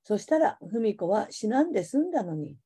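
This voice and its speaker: A woman voicing a grieving middle-aged father in Hiroshima dialect, gruff and protective. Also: mid-range voice, very animated, normal speed, mellow. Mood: grim.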